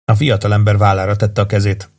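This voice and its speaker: A man narrating an audiobook in a measured, even way. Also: on the low side. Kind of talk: audiobook reading.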